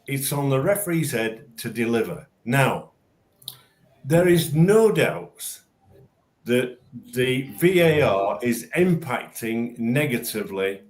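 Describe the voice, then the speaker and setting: With a mid-range voice, the man runs a casual video-call chat drawing on his past as a referee. His delivery is emphatic, and he often repeats words when launching into a sentence.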